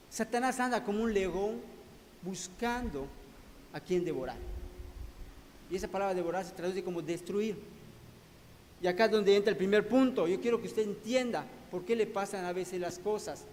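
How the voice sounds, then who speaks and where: A man preaching a sermon to his congregation in a church hall, calling them brothers and asking rhetorical questions. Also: high voice. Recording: long hall reverb, faint background noise.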